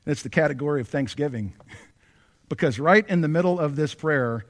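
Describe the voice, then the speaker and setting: A male pastor preaching a sermon, impassioned and building to near-shouts as he voices prayers. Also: a little high, expressive, fairly quick. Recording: long reverb of a large hall.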